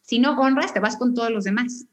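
A woman's voice: on the high side, brisk. A woman, a guest who explains family constellations with homely analogies. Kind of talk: casual explanatory chat.

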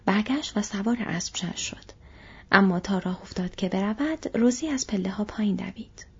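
A woman narrating a fantasy audiobook in a soft, hushed storytelling manner. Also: medium pitch. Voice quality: breathy. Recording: dull lo-fi audio.

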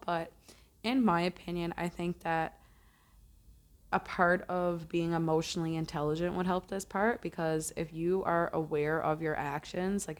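Earnest, reflective woman podcaster. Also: fairly low pitch. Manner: reflective, earnest, self-correcting. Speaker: podcast host. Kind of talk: casual solo podcast talk.

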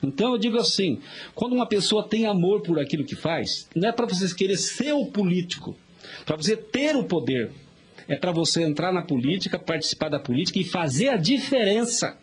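A man's voice: high-pitched, big pitch swings, fairly quick, slightly rough. A middle-aged man with a Brazilian Portuguese accent, a vice mayor and pharmacist talking as an interview guest in a chatty, folksy way with preachy asides. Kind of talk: casual interview talk.

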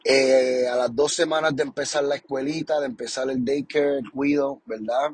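A young man talks in a deeply husky, grainy voice at an ordinary middle pitch. He hosts his podcast as a casual monologue, speaking with passion and encouragement, repeating his points and checking in with his listeners. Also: fairly even intonation, normal speed. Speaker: podcast host.

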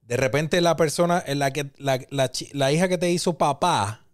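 A man's voice: a little high, moderate pace. A young man, teasing his brother and joking in casual chat as a podcast co-host. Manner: teasing, boastful banter.

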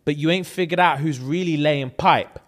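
A young man with a London roadman accent reads out online comments with slangy, jokey, casual banter. His voice is a little high, at a moderate pace.

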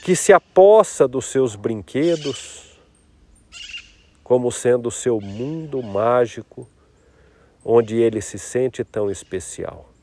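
A man leading a guided meditation in a slow, soft-spoken, reflective way. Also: mid-range voice, animated.

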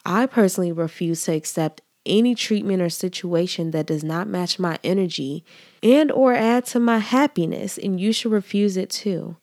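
A woman hosting a solo podcast with a congested, stuffy-nosed voice, speaking in an earnest, measured, scripted way. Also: lowish voice, darkish tone, dry recording, studio quality. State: congested from allergies, trouble breathing. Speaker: podcast host.

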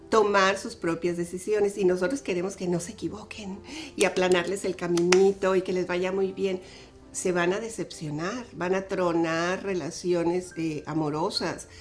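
A middle-aged woman with a Mexican accent hosting a live radio talk show, telling family stories in an animated way. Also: medium pitch. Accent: Mexican Spanish. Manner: animated storytelling, acts out dialogue, laughs often.

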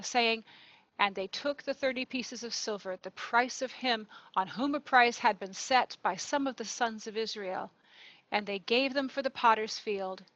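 A woman narrating a gospel reading in a church service, clear and measured. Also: on the high side, fairly bright tone, no room sound, lo-fi sound. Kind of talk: liturgical scripture reading.

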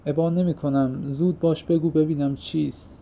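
A man reading an audiobook, voicing a gentle, earnest young man who answers quietly. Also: on the high side, steady tone, vocal fry, slight background noise. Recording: muffled lo-fi recording.

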